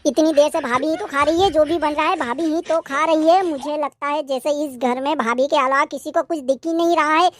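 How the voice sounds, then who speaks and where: A woman plays a whiny young brother-in-law in a cartoon, forever pestering for food. The voice is pitched a little lower than her own, but still high. It is dry and close. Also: fairly even intonation, a little fast, hardly any pauses, no echo, close to an everyday voice. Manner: whining, pestering.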